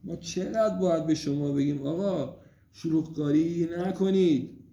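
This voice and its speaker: A man at home at night, gently and affectionately coaxing his small daughter to go to sleep. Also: a little high. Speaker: father putting his toddler to bed. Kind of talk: casual talk with a small child. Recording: roomy room with faint noise.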